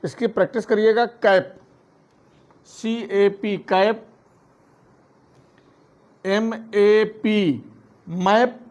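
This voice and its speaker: A man teaching a phonics lesson, spelling words out letter by letter and then saying each one slowly. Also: high voice, fairly even intonation. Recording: dull lo-fi recording.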